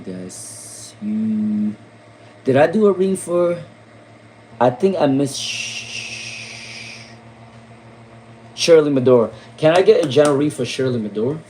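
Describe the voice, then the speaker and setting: A man's voice: mid-range voice, a little hiss or hum, rough recording. A man from Rhode Island giving casual tarot readings on a live stream, repeating names and questions with many fillers. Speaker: tarot reader.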